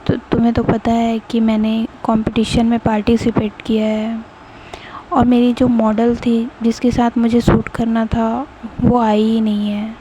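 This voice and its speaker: A woman voicing an eager young woman photographer who pleads and talks excitedly. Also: on the high side, measured pace, slight background noise, close to an everyday voice, rough recording. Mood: pleading.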